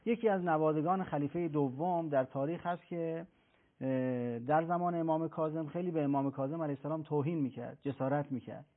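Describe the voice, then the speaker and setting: A man speaking as a religious scholar on a talk show, telling a pious story earnestly and quoting the figures in it. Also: a little high. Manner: earnest, preaching, recounts tales with quoted voices. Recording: thin phone-like broadcast sound.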